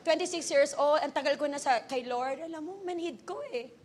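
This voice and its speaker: A woman in her twenties preaching a sermon with energetic, animated delivery, telling stories with laughter and sudden loud bursts. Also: high-pitched, a little fast. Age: 20s. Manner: storytelling with laughs and acted-out quotes.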